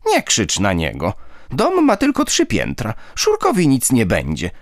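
A man voicing a sharp-tongued old grandmother ghost who scolds and teases. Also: medium pitch, wildly swooping pitch, measured pace, dry recording, clean studio sound, voice pushed up. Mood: scolding. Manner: scolding, teasing.

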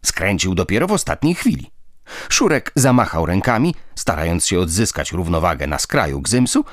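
A man narrating an audiobook in a lively storytelling manner. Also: sits low, moderate pace, dry recording, studio quality. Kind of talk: scripted narration.

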